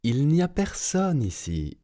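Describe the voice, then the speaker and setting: A gentle, motherly giantess from a storybook speaks in a soaring, high falsetto, put on by a man reading aloud. Her pitch swoops widely and her tone stays soft and fussing. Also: huge pitch swings, a little slow, no echo, studio quality. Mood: anxious. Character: kind gentle giantess, huge motherly woman.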